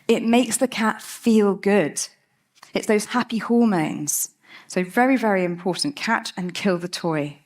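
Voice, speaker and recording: A woman giving a lively, chatty talk on stage as a cat behaviour speaker, laughing often. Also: mid-range voice, a little slow. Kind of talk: TED-style talk.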